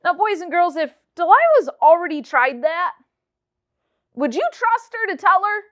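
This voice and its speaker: A woman teaching children a Bible lesson, reading verses and retelling the story with lively asides to the kids. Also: very high voice, normal speed. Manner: animated storytelling, addressing the children directly.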